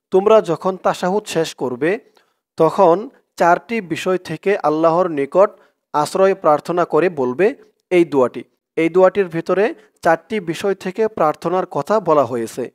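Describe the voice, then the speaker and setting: A man teaching a prayer by spelling its Arabic letter by letter and chanting each word slowly for viewers to repeat. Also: high-pitched. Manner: addresses viewers directly, asks them to repeat. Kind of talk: recitation lesson.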